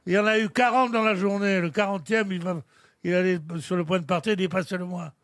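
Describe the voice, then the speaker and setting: A man's voice: high voice, quick pace, a bit bright. A man trading crude, mocking wisecracks and telling jokes as a panelist on a radio game show. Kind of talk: joke-telling banter. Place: radio studio with live audience.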